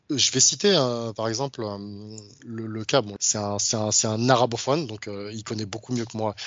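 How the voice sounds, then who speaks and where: A man appears as an interview guest in a casual, argumentative exchange, frequently stammering and restarting phrases while addressing the interviewer familiarly. His medium-pitched voice has a fairly bright tone, with lo-fi sound and no echo.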